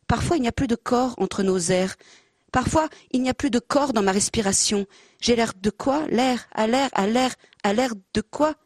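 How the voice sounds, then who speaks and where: A woman on a panel who talks haltingly, hunting for words, then reads a poetic text aloud. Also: a little high, no echo, studio quality. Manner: hesitant, searching for words, self-deprecating. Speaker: panel guest. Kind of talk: halting casual talk, then a poetry reading. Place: panel event with a handheld mic.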